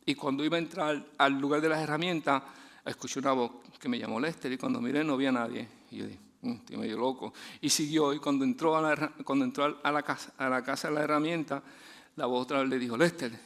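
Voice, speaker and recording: A guest preacher delivers his sermon as chatty storytelling at a quick pace and with a steady tone. He laughs often, restarts sentences, and drops soft and low when he reaches his main points.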